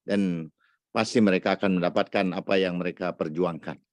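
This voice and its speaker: A man's voice: sits low, steady tone, normal speed, no room sound. A man teaching a weekly religious study session, preaching earnestly in an Indonesian accent and reciting Arabic verses. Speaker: ustadz giving a weekly study talk. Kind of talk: sermon lecture.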